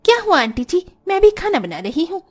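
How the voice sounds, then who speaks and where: A woman's voice: very high voice, big pitch swings, a little fast. Woman doing a sassy young tenant lady, talks back, bouncy voice. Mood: cheeky. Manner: sassy, mocking.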